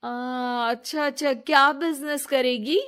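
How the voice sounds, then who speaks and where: A scheming, jealous young woman from a storybook tale, put on by a woman narrator. She talks loud and slow in a high, wheedling voice. She whines to get her way. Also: steady tone. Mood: sly.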